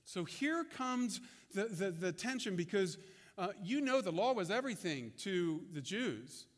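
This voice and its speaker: A man with a notably high voice delivers a sermon to his congregation. His delivery is conversational and unpolished, with frequent restarts and repeated words. The sound carries the long reverb of a large church hall. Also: very animated, measured pace. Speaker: pastor.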